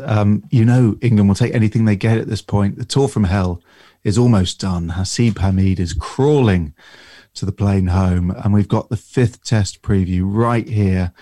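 A man's voice: on the low side, mellow, dry recording, studio quality. A man hosting a sports betting podcast, presenting and handing over to guests. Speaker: podcast host.

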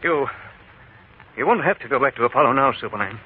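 Older male scientist, fast and animated, raised pitch, husky, tinny old radio sound. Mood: stunned. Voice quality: animated, breathless delivery. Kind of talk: 1940s radio acting.

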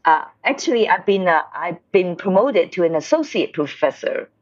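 A woman's voice: lowish voice, big pitch swings, moderate pace, highs cut off. A woman from Hong Kong, a lighting designer, talking casually as a guest, with many fillers and restarts. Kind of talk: casual interview.

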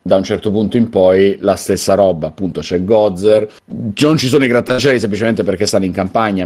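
Guy cohosting a movie podcast, lowish voice, casual n sweary. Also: dark tone. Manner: coarse, colloquial, swearing. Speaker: podcast co-host. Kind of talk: casual film discussion among friends.

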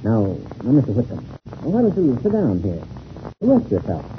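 An actor playing a hearty, take-charge partner in a 1930s radio adventure serial, emphatic and coaxing. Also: male voice, medium pitch, wildly swooping pitch, moderate pace. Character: hearty, take-charge grown man, the hero's loyal partner. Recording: tinny, very noisy old radio recording.

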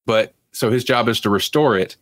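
On a dry recording, a man with a medium-pitched, slightly bright voice co-hosts a podcast at normal speed. He reviews television in a loose, rambling, conversational way.

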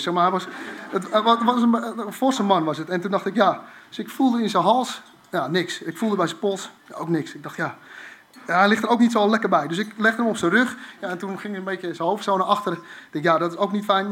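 High-voiced man telling a story. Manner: animated, halting, many fillers and restarts. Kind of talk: casual spoken anecdote.

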